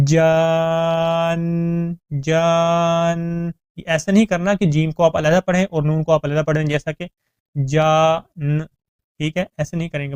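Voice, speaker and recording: A man teaching Quran recitation, explaining reading rules in plain talk, spelling out letters syllable by syllable and reciting verses slowly and melodiously. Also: on the high side, a little mellow, dry recording. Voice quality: smooth, clear voice.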